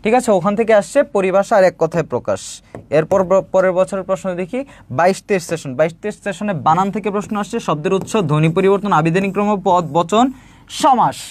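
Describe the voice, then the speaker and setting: Fast high-voiced young male tutor. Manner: fast, repetitive, pep-talk teaching. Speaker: admission test tutor. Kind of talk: online exam-prep lesson.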